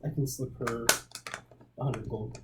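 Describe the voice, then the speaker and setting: A player role-playing a polite, deliberate negotiation in a tabletop game. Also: medium pitch, fairly even intonation, noisy background. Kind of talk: in-character negotiation, casual role-play.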